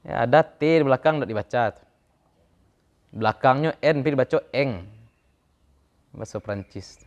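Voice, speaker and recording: A man's voice: mid-range voice, moderate pace, lo-fi sound. A man teaching an Arabic grammar class, chanting verb conjugations in a rhythm and joking about regional dialects. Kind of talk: classroom lecture.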